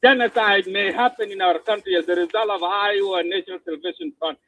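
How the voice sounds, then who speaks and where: A South Sudanese man giving impassioned political commentary, forceful and repetitive, often stumbling over his words. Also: high voice, lively intonation, fast, creaky, no echo. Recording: tinny phone line, dry.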